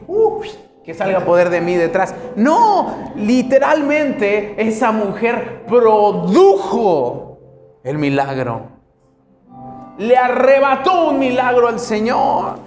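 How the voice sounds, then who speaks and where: Guy pastor preaching, mid pitch, roomy echo, faint music underneath, gets loud then real quiet. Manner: dramatic preaching with wide swings in loudness and pace. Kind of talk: sermon.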